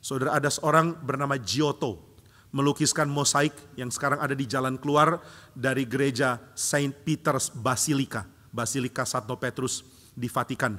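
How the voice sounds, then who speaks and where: Bright-voiced male pastor in a reverberant hall. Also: medium pitch, normal speed. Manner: lively storytelling, acts out quoted voices with sudden loud jumps. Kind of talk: sermon. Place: large church sanctuary. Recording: church hall with long reverb.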